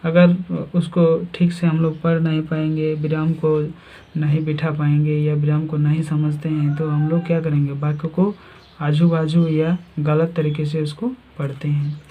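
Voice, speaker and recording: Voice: medium pitch, monotone, unhurried. A teacher giving a grammar lesson, asking questions and then answering them. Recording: tinny phone-like sound.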